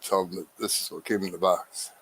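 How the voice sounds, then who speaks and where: A man's voice: sits low, flat delivery, a little fast, a bit bright, a little hiss or hum, poor audio. A man hosting a live stream, chatting casually and muttering with exasperation while trying to fix a printer.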